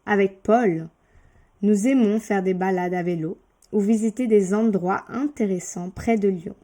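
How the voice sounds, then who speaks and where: A woman teaching French, reading a beginner lesson text aloud with careful, clearly articulated delivery and brief explanatory asides. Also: medium pitch, a little slow, dark tone.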